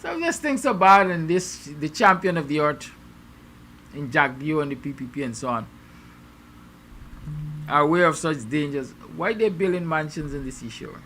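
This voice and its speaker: Bright-voiced Guyanese man musing aloud. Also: on the high side, expressive, normal speed, pauses often, a little hiss or hum. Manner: musing, rhetorical questions, sarcastic. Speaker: morning show host. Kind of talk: opinion monologue to viewers.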